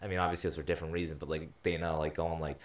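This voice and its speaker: A man co-hosting a podcast, talking casually in rambling, animated bursts with plenty of swearing. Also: extremely low pitch, racing. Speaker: podcast co-host. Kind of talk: casual chat. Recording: roomy echo.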